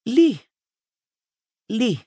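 A man's voice: extremely high pitch, sing-song, very slow, dark tone, slightly rough, dry recording, clean studio sound, pitched above the performer's own voice, exaggerated voice. A Brazilian man reading an audiobook, voicing an earnest, reasoning teenage witch girl who pleads and explains patiently. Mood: troubled, explaining. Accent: Brazilian Portuguese. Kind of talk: audiobook character voice.

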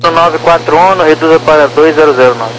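A man's voice: fairly high pitch, a little fast. Crackly military-style radio controller, Brazilian man. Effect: aviation radio transmission. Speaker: approach air traffic controller. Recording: crackly, humming, noisy aviation radio.

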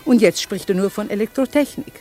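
A woman acts out a flirtatious society lady in a vintage radio play, coquettish and chattering with theatrical sighs. Her mid-pitched voice carries over faint music. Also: fairly quick, dark tone, natural voice. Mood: gushing.

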